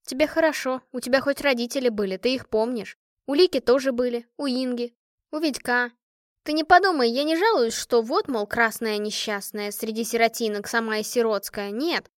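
A woman's voice: fairly high pitch, moderate pace, no echo, close to an everyday voice. A woman voicing a tired, tough young orphan girl soldier who speaks bitterly and coarsely, close to tears, in an audiobook. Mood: weary bitter.

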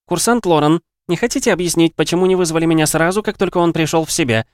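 A man's voice: fairly high pitch, fast talker, smooth, dry recording, studio quality, voice pushed up, close to an everyday voice. A man reading an audiobook, voicing a weary, commanding woman doctor who barks reprimands. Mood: scolding. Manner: barking, reprimanding.

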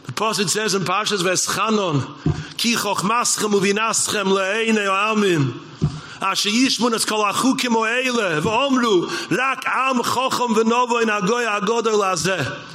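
A man giving a Torah lecture as a rabbi, impassioned and rising to shouts. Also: high-pitched, unhurried.

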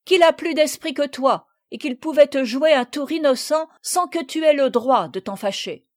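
A woman voicing a quick, spirited young girl in a storybook reading, speaking in a vivacious way. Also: fairly high pitch, expressive, a little mellow.

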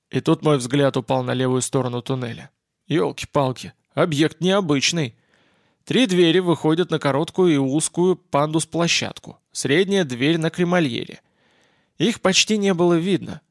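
A man's voice: on the high side, no room sound. A man narrating a first-person audiobook in a wry, weary way, close to the mic. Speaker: audiobook reader.

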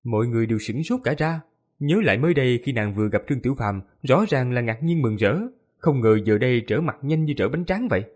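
A man narrating a fantasy novel audiobook with lively, expressive storytelling. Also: mid-range voice, fast talker.

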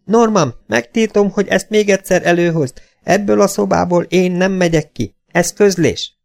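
A man voicing a frail but domineering old mother in an audiobook, indignant and shrill. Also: vocal fry. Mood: commanding. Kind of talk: audiobook character voice.

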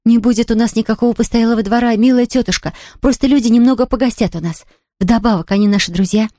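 A woman reading aloud, voicing an eager, chatty young girl who talks in quick exclamations. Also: mid-range voice, darkish tone, no room sound, studio quality, natural voice. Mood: excited. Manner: breathless, rapid, exclamatory.

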